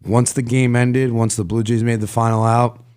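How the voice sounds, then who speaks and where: A man's voice: medium pitch, little pitch movement, moderate pace, darkish tone, clean tone. A man co-hosting a casual sports talk show, blunt and opinionated about his team. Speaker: co-host.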